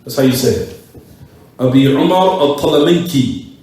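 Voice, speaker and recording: A man's voice: mid-range voice, normal speed, mellow, distant mic. A man teaching a class in a mosque, repeating key words and putting questions to his students. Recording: echoey room, voice from off the mic.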